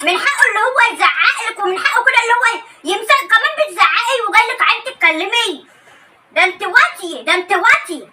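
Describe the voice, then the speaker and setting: Woman putting on a shrill Egyptian mother-in-law. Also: animated, quick pace, background noise. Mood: disgusted. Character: bossy older mother-in-law, meddling and scolding. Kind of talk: comedy sketch.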